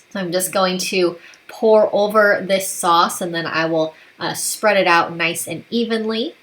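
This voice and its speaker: A woman's voice: fairly low pitch, a bit bright. Upbeat woman narrating cooking. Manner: upbeat, chatty, repeats "really great". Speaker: cooking channel host. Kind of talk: casual cooking voice-over.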